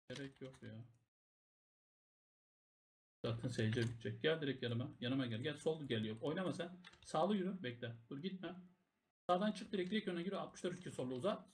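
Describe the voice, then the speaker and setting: A man calling the shots in gaming voice chat, barking rapid repeated commands and swearing freely. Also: medium pitch, slight background noise. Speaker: clan war shot caller.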